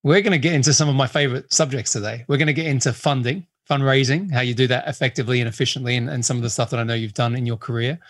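A podcast host with a hybrid accent, Australian mixed with English and American, runs a business interview. His voice sits mid-range with fairly even intonation, and he races along with few pauses, enthusiastic, chatty, and quick to laugh. The recording is dry.

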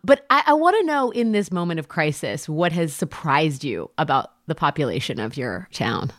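Brief: woman podcast interviewer, animated intonation, joking and curious. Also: deep voice, normal speed, dry recording, studio quality. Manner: playful, laughs along, rephrases questions. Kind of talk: casual interview.

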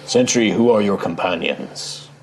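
A man voicing an ancient, solemn giant guardian of metal and stone in tabletop role-play, with a deep rumbling voice and formal, grave speech. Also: unhurried, vocal fry, faint music behind. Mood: stern judgement.

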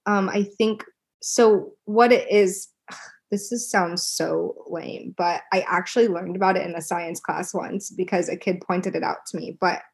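A young woman talking as a guest on a podcast, chatty and animated, laughing often. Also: fairly low pitch, unhurried, gravelly. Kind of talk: casual chat.

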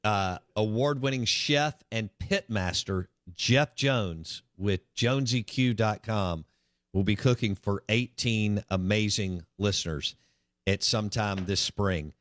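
A man's voice: lowish voice, slow pace, a bit bright, dry recording. A man hosting a casual morning sports radio show, chatting and rambling with lots of fillers. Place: radio studio.

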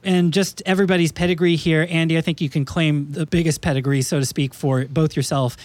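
A man with a fairly high voice hosts a podcast from a studio, teasing his guests playfully as he introduces them. His voice sounds close and dry, with no room sound around it. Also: steady tone, a little fast, a little mellow, dry recording. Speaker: podcast host. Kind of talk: casual podcast chat.

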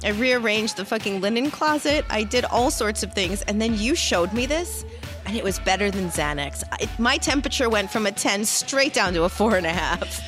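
A woman co-hosting a podcast in casual chat, talking emphatically and excitably, with heavy swearing. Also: mid-range voice, normal speed, over music. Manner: emphatic, heavily profane, excitable. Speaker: podcast co-host.

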